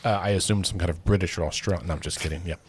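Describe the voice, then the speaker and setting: A man's voice: sits low, rapid-fire, husky, no echo. Casual man co-hosting a podcast. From Oklahoma. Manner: conversational, many fillers and restarts. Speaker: podcast co-host. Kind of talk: casual political chat.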